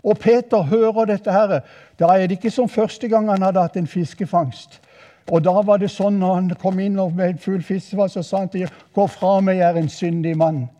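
An older man from southern Norway with a southern Norwegian accent, preaching a sermon in a mission hall and telling the story vividly. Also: sits high. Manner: lively storytelling, voice rising for quoted exclamations.

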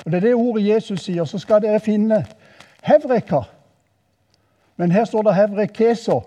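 An older man from southern Norway with a southern Norwegian accent, preaching a sermon in a mission hall and telling the story vividly. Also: high-pitched. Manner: lively storytelling, voice rising for quoted exclamations.

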